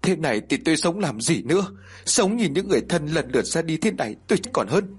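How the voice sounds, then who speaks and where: A man voicing an elderly grieving village mother who pleads through tears, husky. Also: mid-range voice, big pitch swings, fairly quick. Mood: sobbing. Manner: pleading, tearful.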